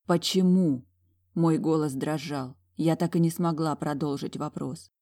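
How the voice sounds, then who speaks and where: Woman reading a novel aloud in first person, measured and calm. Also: low voice. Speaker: audiobook narrator.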